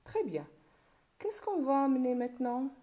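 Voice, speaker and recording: A woman's voice: high voice, big pitch swings, dark tone. A woman teaching a primary school class, addressing her pupils and breaking words into syllables one by one. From Morocco. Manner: slow, syllable-by-syllable instruction. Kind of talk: classroom video lesson.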